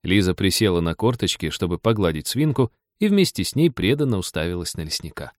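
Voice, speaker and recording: Low-voiced male audiobook narrator, dry sound. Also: brisk, dry recording. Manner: even, storytelling read. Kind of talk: scripted narration.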